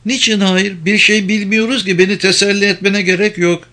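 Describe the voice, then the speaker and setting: Man voicing a frightened young woman, high and strained. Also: little pitch movement, brisk, pushed and bright. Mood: anxious, tearful. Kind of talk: audiobook character voice.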